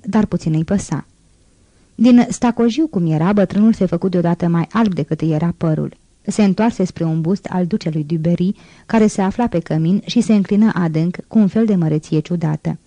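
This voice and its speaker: Woman audiobook reader: low, mellow, dry close sound, measured delivery. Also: dry recording. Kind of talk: audiobook narration.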